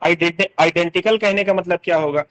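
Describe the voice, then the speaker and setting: A man teaching English literature terms in casual speech, explaining slowly, repeating sounds and often checking that students follow. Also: high-pitched, fairly bright tone, rough recording.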